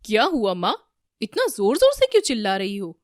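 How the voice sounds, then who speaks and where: Loud cartoon husband, voiced by a woman, dry, scolding. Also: mid-range voice, huge pitch swings, normal speed, no room sound. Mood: alarmed. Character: angry young husband, office worker.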